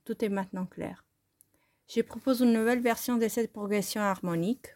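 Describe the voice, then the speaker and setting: A calm woman with a mid-range voice, whose first language is Italian, reads a scripted self-interview. She's a photography student presenting her work.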